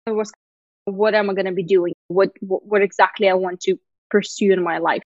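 Here a guest in her thirties, raised in Lithuania with Russian as her first language, shares her story in a relaxed interview, candid and lively with frequent laughter. She speaks a little fast in a mid-range voice, and the audio is dull with no echo.

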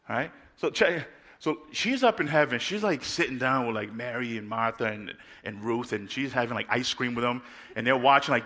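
A male preacher tells a story in a casual, chatty way. He is animated and keeps checking in with his listeners. His voice is bright and forceful. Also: mid-range voice.

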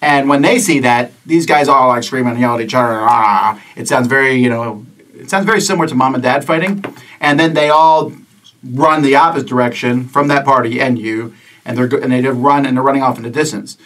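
A man's voice: mid-range voice, brisk, a bit bright. A man narrating a tabletop game as game master, in a casual, rambling way with restarts. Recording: distant mic in a room.

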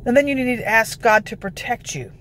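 Gravelly woman preaching prayer stuff, emphatic but informal, bit of noise behind her. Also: on the high side, a little fast, a bit bright, low-quality recording. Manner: emphatic, declarative, peppered with scripture citations. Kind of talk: informal devotional exhortation.

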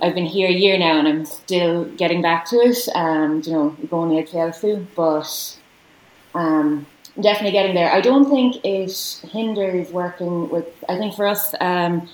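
A woman with a west of Ireland accent, talking casually as an interview guest on a podcast. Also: on the low side. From Galway, Ireland. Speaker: podcast guest, digital marketing professional. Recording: roomy echo.

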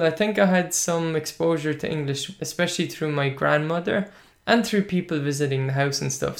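A man's voice: on the high side, gravelly. An Irish man in his thirties whose first language is Irish, chatting in English as a language teacher, good-humoured and reading out comments with his own asides. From Ireland. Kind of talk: casual talk to camera.

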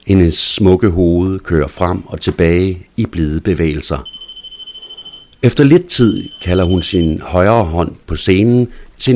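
A man calmly narrating a scripted first-person story in a measured reading voice. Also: low-pitched.

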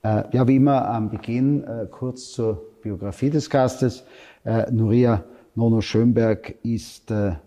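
A man's voice: mid-range voice, steady tone, unhurried, dark tone. A man hosting a talk show, introducing his guest and asking questions with frequent filler sounds. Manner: hesitant, many filler sounds. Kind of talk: interview host introduction.

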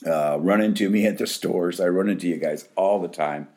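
Deep voiced guy in his 50s, counselor just chatting to clients, kinda rambly and frank. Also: moderate pace, darkish tone. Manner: rambling, with restarts and frank asides. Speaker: addiction counselor. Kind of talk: casual talk to clients.

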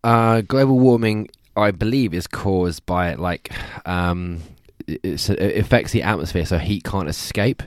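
A man's voice: deep voice, a little slow, few pauses, no room sound. A man chatting casually as a student, answering with hesitant half-guesses and dry jokes. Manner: hesitant, jokey, trailing off mid-answer. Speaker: husband and student. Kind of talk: casual chat.

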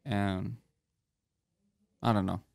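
On a dry recording, an American teenage boy rambles casually while hosting a student podcast, full of fillers and restarts. His voice is fairly low and darkish with vocal fry, flat in delivery and extremely slow.

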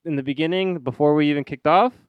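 Laid-back young man, smooth voice. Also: on the high side, quick pace, no room sound, lo-fi sound. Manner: laid-back, laughs often, swears casually. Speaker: podcast co-host. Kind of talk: casual chat.

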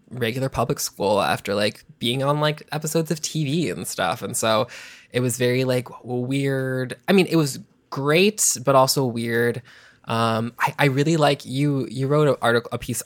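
A man in his thirties, a former child actor, chatting casually as an interview guest, rambling and animated with constant "like"s. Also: mid-range voice. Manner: rambling, heavy use of "like", animated.

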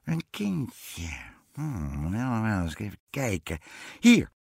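A man voicing a shrill, bossy old female witch in an audiobook fairy tale. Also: wildly swooping pitch, takes it slowly, gravelly, darkish tone, husky, dry recording, clean studio sound, full character voice. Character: old scatterbrained female witch in a pear tree. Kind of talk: audiobook storytelling.

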